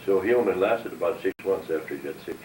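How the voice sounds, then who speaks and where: This oral history recollection comes from a North Dakota veteran in his 70s or older, speaking quickly in a low, darkish voice. He tells his life story in a plain, matter-of-fact manner, picked up by a far-off microphone in a roomy space with hiss.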